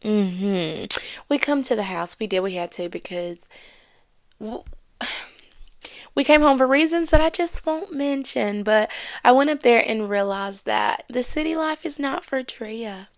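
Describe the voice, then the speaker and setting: A woman's voice: on the high side, measured pace. A woman, hosting her own podcast in a casual, chatty, self-deprecating way. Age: 20s. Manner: chatty and self-deprecating, with frequent fillers and Southern slang. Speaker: podcast host. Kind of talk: casual solo podcast chat.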